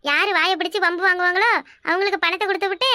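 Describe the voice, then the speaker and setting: A woman's voice: very high-pitched, steady tone, very fast, sharp tone, dry recording, studio quality. A woman voicing a practical, scolding village woman named Rani in a cartoon, with a southern Tamil Nadu rural accent. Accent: southern Tamil Nadu rural dialect. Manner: scolding, worldly. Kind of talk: cartoon voice acting.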